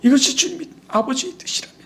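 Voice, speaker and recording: A man's voice: very high-pitched, animated, quick pace, fairly bright tone. A male pastor voicing Jesus as a solemn teacher in earnest prayer and stern rebuke. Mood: anguished prayer.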